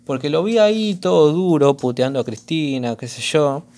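A man with an Argentine accent, hoarse, rambling through a casual commentary vlog with lots of slang and fillers. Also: a little high, lively intonation, normal speed, darkish tone. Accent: Argentine Spanish. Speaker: vlogger.

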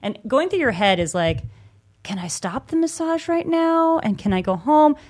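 A young adult woman chats casually as a podcast co-host, swearing freely, doing voices and laughing often while she tells a story. Her voice sits high and sing-song, a little mellow, at a normal speed.

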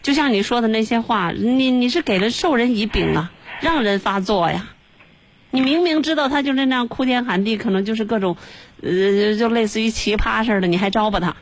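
A woman's voice: a little high, a little fast. A woman hosting a call-in advice show, speaking bluntly and scolding with rhetorical questions. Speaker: radio advice host.

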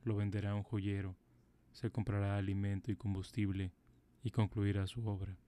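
A man voicing a gentle, sorrowful statue prince in a calm, even storybook reading. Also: on the low side, normal speed, close to an everyday voice. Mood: tender.

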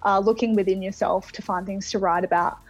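A woman's voice: mid-range voice, fairly even intonation, brisk, faint music behind. A woman with an Australian accent chatting casually and reflectively as a singer being interviewed over a video call. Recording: phone-like thin sound of video call.

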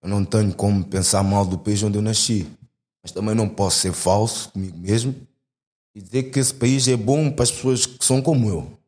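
A man's voice: on the low side, a little fast, darkish tone. A young man speaks heartfelt and argumentative in an earnest conversation, using casual slang. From Portugal. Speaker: guest.

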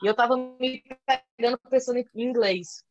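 A woman's voice: fairly high pitch, moderate pace, soft background music. A Brazilian woman with a Brazilian Portuguese accent telling stories in a casual chat, acting out little dialogues as she goes. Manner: lively storyteller who acts out dialogues. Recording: dull lo-fi sound.

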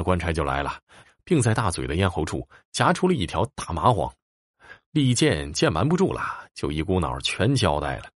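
A man narrating a ghost story in a swooping, animated storytelling manner. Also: low-pitched, dry recording, studio quality.

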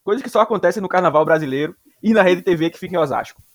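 A man with a Brazilian accent co-hosting a casual sports podcast, slangy and joking, halting and often repeating himself. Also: high voice, no echo, studio quality. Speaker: podcast co-host.

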